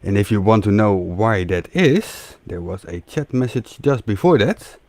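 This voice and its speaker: A lowish-voiced man keeps the stream moving and reads out donations in a friendly tone. His voice is close and dry on the mic. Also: big pitch swings, measured pace, a little mellow, dry recording. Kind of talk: casual chat.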